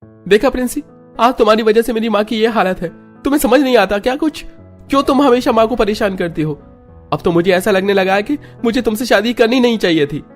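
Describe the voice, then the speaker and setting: A man's voice: high voice, lively intonation, moderate pace, darkish tone, faint music behind, pitched above the performer's own voice. A man voicing a stern but loving young husband, lecturing in a raised voice. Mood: scolding.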